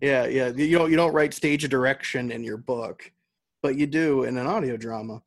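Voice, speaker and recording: Speaking as an interview guest, this American man talks about his craft as a novelist and audio drama writer, working out his ideas aloud. His medium-pitched voice carries vocal fry, his pace is moderate, and the recording is free of echo.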